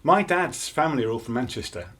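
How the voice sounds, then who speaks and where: A man's voice: medium pitch, lively intonation, fairly quick, a bit bright, breathy edge. A man from England, raised in London and Lancaster, chatting casually as an interviewer. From born London, grew up in Lancaster, England.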